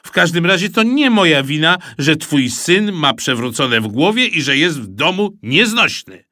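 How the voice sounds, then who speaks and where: A man reading an audiobook, voicing an exasperated, shouting middle-aged father in a scolding raised voice. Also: a little high, very animated, moderate pace, no echo, studio quality.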